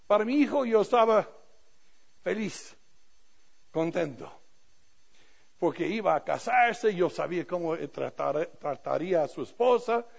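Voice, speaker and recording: Gravelly high-voiced older man preaching. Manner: storytelling with self-deprecating humor, swinging from soft to loud. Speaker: pastor. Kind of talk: sermon. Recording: dull lo-fi recording.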